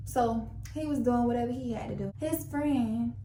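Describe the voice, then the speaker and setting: A woman's voice: on the high side, moderate pace, noisy background. A young woman telling a story to her camera in a casual, slangy way, acting out what people said. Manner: animated, slangy, acts out quotes. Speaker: vlogger. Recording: echoey room.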